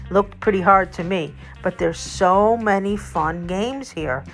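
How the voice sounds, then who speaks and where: A woman's voice: lowish voice, vocal fry. A woman narrating a casual vlog tour as host, in a chatty, enthusiastic way. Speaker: video host and local tour guide. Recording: background music under the voice. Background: music.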